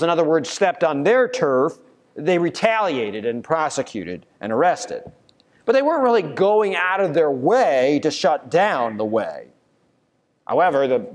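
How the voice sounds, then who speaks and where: Young male pastor, earnest sermon delivery, reverberant sanctuary. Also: on the high side. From United States. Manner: earnest storytelling, with restarts and fillers. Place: church sanctuary, at a pulpit. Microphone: pulpit mic from a far camera. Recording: long church reverb.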